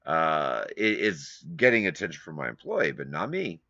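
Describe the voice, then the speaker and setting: A man's voice: a bass voice, very animated, moderate pace, sharp tone, no room sound, dull audio. A man hosting his own live stream from a home studio, talking casually and rambling as he grumbles at length.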